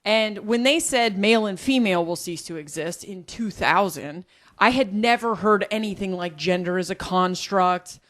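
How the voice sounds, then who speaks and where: A woman's voice: medium pitch, normal speed, a bit bright. Earnest woman guest explaining at length. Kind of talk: casual discussion.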